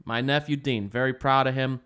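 A man's voice: mid-range voice, fairly even intonation, a little fast, fairly bright tone, smooth. A man co-hosting a casual podcast about games, rambling easygoing and laughing often. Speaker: podcast co-host. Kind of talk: casual chat.

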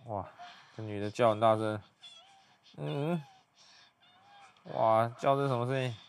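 A young man giving hushed, muttered play-by-play commentary as he reacts to a video. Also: lowish voice, steady tone, fairly quick, a little hiss or hum.

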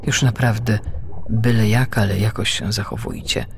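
A man's voice: lowish voice, fairly even intonation, moderate pace, gravelly, noisy background. A man voicing a strict, sensible mother humpback whale who scolds in a storybook. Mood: scolding. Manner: scolding, admonishing.

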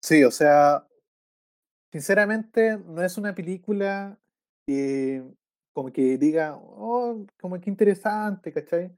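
A man with a Chilean accent who co-hosts a casual film podcast, rambling in a relaxed way and often ending with slang tags. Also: sits high, slow, smooth. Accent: Chilean Spanish. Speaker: podcast co-host.

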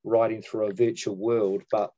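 A man's voice: on the low side, level tone, moderate pace, warm tone. Laid-back sweary man. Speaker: podcast co-host. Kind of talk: casual chat. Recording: slightly dull sound.

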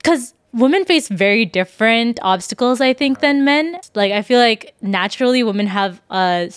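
A woman's voice: fairly high pitch, moderate pace, clear, resonant tone, no echo. A woman in her twenties, a podcast guest, chatting casually with frequent laughs and acted-out quotes. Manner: animated, laughs often, acts out quoted voices. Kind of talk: casual interview chat.

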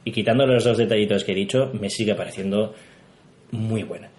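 A man's voice: lowish voice, steady tone, a little fast, darkish tone. A man in his thirties from Spain, co-hosting a casual film podcast, joking and rambling as he talks. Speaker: podcast co-host. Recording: echoey room.

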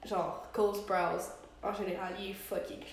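A woman's voice: medium pitch, little pitch movement, moderate pace. A young woman with a Quebec French accent, nasal and congested from a cold, chatting casually as a podcast co-host and slipping in English slang. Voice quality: nasal, stuffed-up with a head cold. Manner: slangy, mixing in English words. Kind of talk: casual, giggly chat. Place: echoey indoor room. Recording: very echoey room, background noise.

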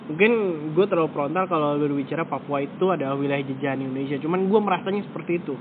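A man with a slightly raised pitch, chatting casually and rambling, often stopping to search for words and correct himself. The sound is tinny and phone-like, with steady noise clearly audible behind him. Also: fast. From West Java. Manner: rambling, self-correcting, frequent fillers. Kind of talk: casual conversation.

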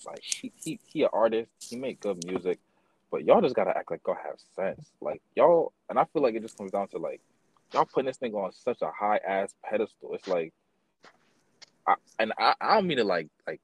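A man co-hosting a podcast, telling stories at a slow, drawn-out pace in slang-heavy casual chat. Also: lowish voice, sing-song, slightly rough, no room sound.

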